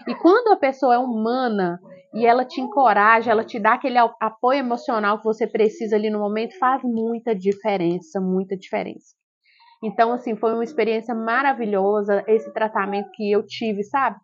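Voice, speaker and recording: A young woman with a Brazilian Portuguese accent, vlogging and telling a personal story in an animated, exclamatory way. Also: on the high side, brisk. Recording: dull lo-fi sound.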